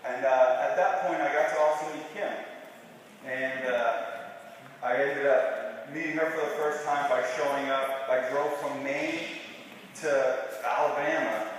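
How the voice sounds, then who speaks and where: Young male, rambling best man speech, halting and informal; heavily reverberant room, faint noise. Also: mid-range voice, fairly even intonation. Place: reverberant wedding reception room. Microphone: distant microphone in the room. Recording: very echoey hall, distant mic, faint noise.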